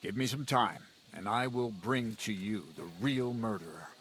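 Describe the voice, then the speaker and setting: A man's voice: fairly low pitch, normal speed, a bit bright, a little hiss or hum, close to an everyday voice. A man voicing a blunt, common-born commander in a game who swears freely and gives orders. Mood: earnest.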